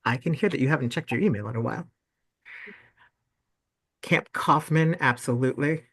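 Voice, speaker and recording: A man's voice: medium pitch, normal speed, fairly bright tone. A young man hosting a video-call meeting for volunteers and parents, bubbly and effusive as he gushes over their ideas. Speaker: webinar host for volunteers and parents. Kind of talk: casual online meeting presentation.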